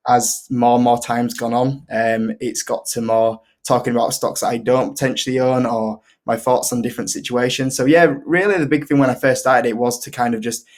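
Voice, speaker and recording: A man with a Yorkshire accent talks in a casual, chatty way as an interview guest. His pitch is average and moves very little, giving an even, level delivery. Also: fairly quick, hardly any pauses. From Leeds, Yorkshire, UK. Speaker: investing video creator, guest.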